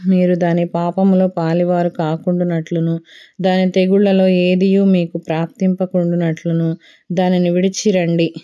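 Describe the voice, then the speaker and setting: A woman reading scripture aloud in a steady, solemn manner, as a scripted Bible reading. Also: fairly low pitch, clear, resonant tone. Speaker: scripture reader.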